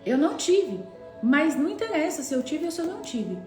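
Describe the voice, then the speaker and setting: A woman's voice: high voice, very animated, a little fast, a little mellow. A woman giving an emphatic, fervent devotional testimony and acting out prayers and dialogue. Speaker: preacher. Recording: echoey room with faint music.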